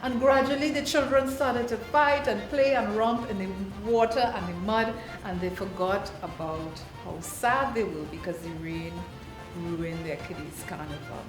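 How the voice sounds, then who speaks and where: Woman storyteller, Trinidadian accent, lively and dramatic, echoey room, music bed. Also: medium pitch, a little slow. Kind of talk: children's storytelling. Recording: roomy echo with music behind.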